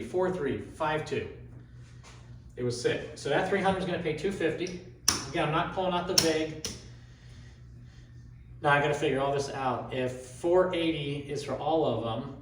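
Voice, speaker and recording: Echoey, slightly high-voiced man thinking aloud. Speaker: craps tutorial host. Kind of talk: casual unscripted demonstration commentary. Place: echoey indoor room. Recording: echoey room, distant mic, faint noise.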